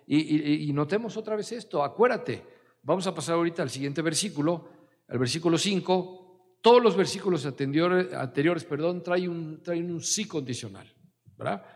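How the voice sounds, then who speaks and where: A middle-aged Mexican pastor preaches in a relaxed, conversational way, weaving personal anecdotes into scripture. His voice sits somewhat high for a man. The sound carries a long reverb, as in a large hall. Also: normal speed. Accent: Mexican Spanish. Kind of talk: sermon.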